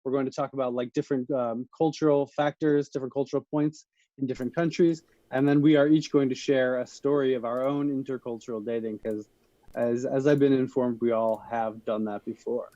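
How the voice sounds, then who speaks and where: With a medium-pitched, mellow voice and fairly even intonation, this American podcast co-host talks fairly quickly, keeping things chatty and leading with questions. The recording is dull and dry.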